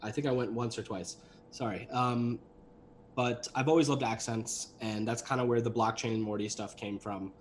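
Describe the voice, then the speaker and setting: A man's voice: medium pitch, fairly even intonation, normal speed, a little hiss or hum. A young man, a guest on a livestream, talking casually about his voice work, with lots of fillers and restarts. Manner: chatty, rambling with many fillers. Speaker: guest, voice actor and animator.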